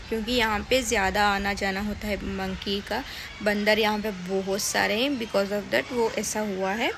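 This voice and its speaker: A woman's voice: mid-range voice, background noise. A young woman, talking to her camera in a hesitant, upset way, many fillers and restarts. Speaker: vlogger. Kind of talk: casual vlog talk to camera.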